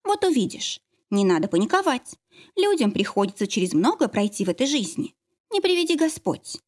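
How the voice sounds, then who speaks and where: Woman doing a worried mother, raised pitch, slow and husky, fussing. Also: big pitch swings. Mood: soothing. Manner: fussing, soothing, anxious. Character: worried loving middle-aged mother. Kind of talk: audiobook character reading.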